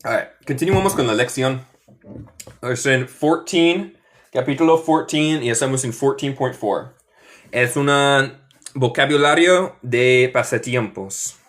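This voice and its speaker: In a casual livestream lesson, an English teacher from Michigan, USA, speaks halting Spanish full of fillers and English switches. He is a native English speaker with an American accent, and his medium-pitched voice is expressive.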